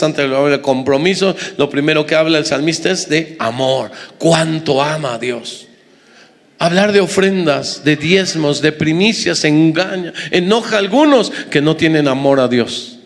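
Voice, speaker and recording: Pastor, male, high-pitched, emphatic sermon with humorous asides, long hall reverb. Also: moderate pace. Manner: emphatic, repetitive, joking asides to the congregation. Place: church hall with congregation.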